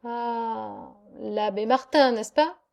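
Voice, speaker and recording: A woman reading an audiobook voices a solemn angel who keeps the records, speaking gravely in a measured, somewhat weary way. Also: a little high, heavily acted. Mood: questioning. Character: solemn angel with dark wings, record keeper.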